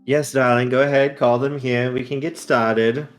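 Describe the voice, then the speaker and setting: A man's voice: medium pitch, fairly even intonation, normal speed, faint music behind, natural voice. A man playing a suave, theatrical companion in a tabletop game, with an affected, coaxing manner. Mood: smooth, obliging. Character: suave theatrical companion who calls everyone darling.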